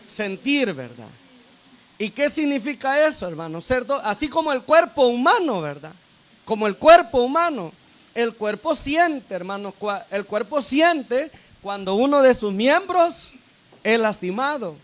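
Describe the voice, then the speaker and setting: Man, deacon, sermon, very high voice, tag questions to the flock, calls them brother and sister, repeats phrases. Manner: frequent "¿verdad?" tag questions to the congregation; addresses listeners as brother and sister. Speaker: deacon preaching.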